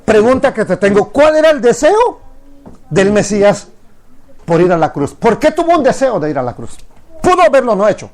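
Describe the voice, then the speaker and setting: A man's voice: high voice, very animated, moderate pace, darkish tone. A man preaching a sermon to a congregation, emphatic and full of rhetorical questions. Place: church service before a congregation.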